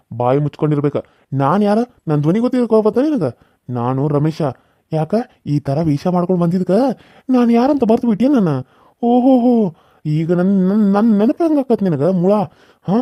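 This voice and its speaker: A man's voice: on the high side, no echo, muffled recording, lightly acted. A man voicing a menacing, scorned young village man in a cartoon serial, taunting and threatening with mocking laughs.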